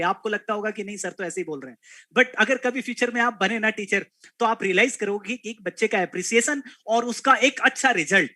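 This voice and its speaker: Bright-voiced man hosting a live class. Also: high-pitched, dry recording. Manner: addresses students as kids, mixes English into Hindi. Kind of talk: live online class chat.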